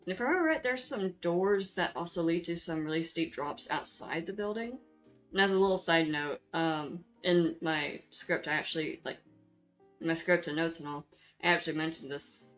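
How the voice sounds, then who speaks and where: A woman with a slightly low voice narrates her video in an informal, chatty style. She is hesitant and self-deprecating, often apologetic in the way she talks. Music plays behind her voice. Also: moderate pace. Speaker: video creator hosting a drawing speedpaint. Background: background music.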